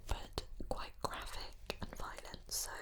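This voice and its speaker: Female, whispered role-play: kindly librarian, hushed library whisper throughout, gentle and reassuring. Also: slow pace. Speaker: librarian recommending books to a visitor.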